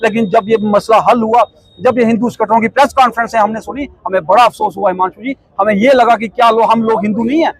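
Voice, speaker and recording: A middle-aged man speaks fervently in a husky, very high voice. He rushes along, piling up rhetorical questions and repeating himself as he argues his committee's case. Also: steady tone, dry recording, poor audio. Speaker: protest committee member. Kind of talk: impassioned phone-in statement.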